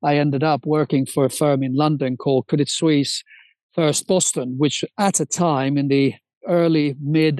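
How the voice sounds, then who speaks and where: A man in his sixties who grew up in Sweden recalls his career as an interview guest. He speaks fluently and eagerly with a few small restarts, in a fairly high, slightly mellow voice. The sound is close and dry, without echo.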